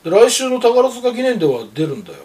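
An older man with a high, very lively voice, talking in a gruff, teasing, lecturing way. He is a seasoned racing pundit chatting on a radio show and telling animated stories. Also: fast. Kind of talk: casual radio chat.

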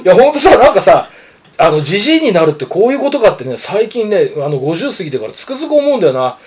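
Chatting on a casual podcast, a horse racing pundit in his fifties rambles through racing tips with jokes and coarse banter. His high voice for a man swings all over in a sing-song way, and he rattles along fast.

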